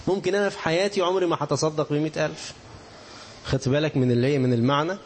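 A man's voice: fairly high pitch, fairly even intonation, very fast. A man with an Egyptian accent teaching a religious lesson on hadith, explaining with everyday examples and rhetorical questions to his listeners. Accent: Egyptian Arabic.

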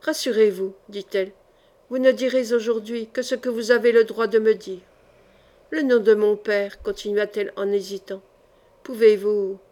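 A woman voicing a gentle, earnest young noble daughter who speaks softly and pleadingly. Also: mid-range voice, steady tone, normal speed, lightly acted. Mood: reassuring. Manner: soft and pleading.

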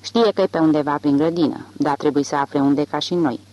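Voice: medium pitch, lo-fi sound, natural voice. Reader voicing Ratcliffe, an urgent whispering schemer. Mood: insistent. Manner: hushed, insistent whisper. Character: tense, scheming grown man whispering urgently in the dark. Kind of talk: audiobook reading.

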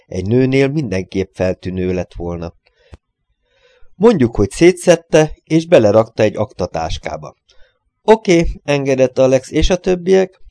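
Man reading a crime novel, dark dry voice. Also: dry recording. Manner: voices dialogue with lifted pitch, drops low for narration tags. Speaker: audiobook reader.

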